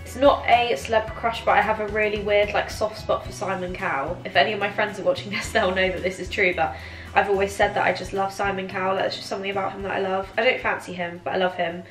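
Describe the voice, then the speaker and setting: A woman's voice: medium pitch, fairly even intonation, fast talker, fairly bright tone. Giggly, tipsy young British woman, roomy sound. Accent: British English. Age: 20s. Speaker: vlogger answering viewer questions. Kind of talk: casual chatty Q&A to camera. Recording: roomy echo, music behind.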